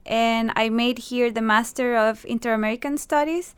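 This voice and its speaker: Costa Rican woman with a clear voice. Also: a little high, normal speed. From Costa Rica. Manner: earnest, explains step by step, non-native English phrasing. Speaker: university staff, event organizer. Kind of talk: radio interview guest. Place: radio studio.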